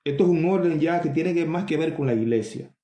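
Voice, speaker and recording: A man with a fairly high yet mellow voice gives a Bible teaching sermon. He reads scripture slowly, then explains it with emphatic asides, calling out to his brothers. The sound is roomy and echoing. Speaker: preacher.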